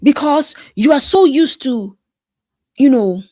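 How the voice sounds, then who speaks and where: A woman's voice: high voice, expressive, warm tone, no echo. Emphatic woman life coach, dry sound. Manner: emphatic, repetitive, preacher-like cadence with pauses. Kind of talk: motivational talk to camera.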